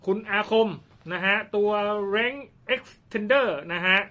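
A man co-hosting a casual tech question show, reading out listener questions with quick, lively, joking asides. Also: sits high.

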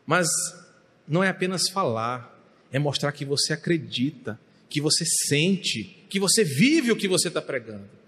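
A man's voice: a little high, big pitch swings, moderate pace, slight background noise. A middle-aged man, preaching a passionate sermon from the pulpit in a church. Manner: impassioned, rises to near shouting at times. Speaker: pastor. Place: church sanctuary. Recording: long hall reverb.

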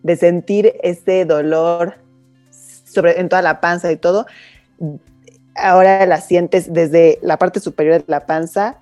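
A woman's voice: lowish voice, fairly even intonation, takes it slowly, darkish tone, faint music behind. A woman co-hosting a podcast, recounting her story in a hesitant casual way. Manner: hesitant, with many fillers. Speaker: podcast co-host. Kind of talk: casual chat.

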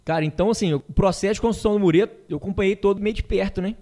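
A man from Brazil chatting casually among friends, telling animated, slangy stories and laughing often. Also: high-pitched, very fast.

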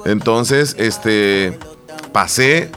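A man co-hosting a casual talk show, telling a story with lively quoted lines and frequent restarts. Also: lowish voice, extremely slow, faint music behind. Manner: animated storytelling, acts out quotes, many restarts. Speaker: co-host. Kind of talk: casual chat.

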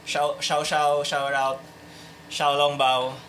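Young man, Filipino accent, podcast host, bright, slightly higher voice, faint background hiss. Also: little pitch movement, slow pace. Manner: upbeat, greets viewers one by one. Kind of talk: casual live-stream chat.

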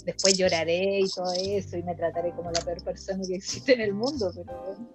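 A woman's voice: fairly low pitch, steady tone, quick pace, over music. A woman with a Chilean accent, a guest in a casual chat, talking frankly and mocking herself, often laughing. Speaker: guest comedian. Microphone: video call. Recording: dull lo-fi video call audio.

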